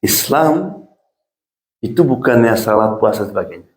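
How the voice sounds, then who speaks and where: A man's voice: mid-range voice, measured pace. Imam guy preaching in a mosque, tells it like a story, drops english bits in, roomy echo all around. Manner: mixes Indonesian with English phrases; animated storytelling with acted-out quotes. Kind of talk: storytelling sermon. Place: mosque hall. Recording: echoey mosque hall.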